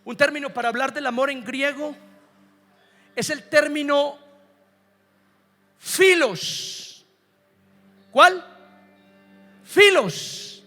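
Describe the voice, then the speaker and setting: A pastor preaching emphatically, repeating key words and asking the congregation questions. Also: male voice, extremely high pitch, fairly even intonation, moderate pace, pushed and bright, long reverb tail, soft background music. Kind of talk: sermon.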